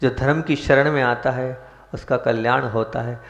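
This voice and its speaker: A male Jain monk giving a sermon, chanting prayers slowly and then preaching in a measured way with rising emphasis. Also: medium pitch, fairly even intonation, dull audio. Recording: echoey hall with long reverb.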